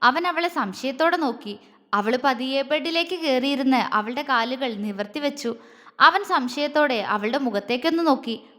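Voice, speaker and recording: A woman storyteller narrating a romance audio story in a calm, gentle reading voice. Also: sits high, moderate pace, big-room sound.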